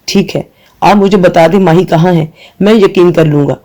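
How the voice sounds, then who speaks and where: Bitter defiant young guy, read by a man, mellow voice. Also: high voice, close to an everyday voice. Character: young man, angry brooding son.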